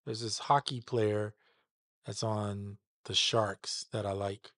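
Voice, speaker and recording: Laid-back lower-voiced man chatting on a stream. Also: steady tone, slow pace, fairly bright tone, no room sound, studio quality. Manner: easygoing, chatty, stumbles over names and repeats them. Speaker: music producer hosting a live stream. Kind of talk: casual chat while demonstrating a mix.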